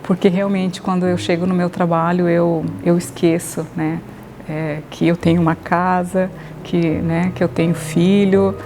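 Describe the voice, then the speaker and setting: Low, flat-voiced Brazilian woman in her forties. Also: a little slow, noisy background. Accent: Brazilian Portuguese. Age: 40s. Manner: hesitant, many fillers. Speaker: public health official. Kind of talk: documentary interview.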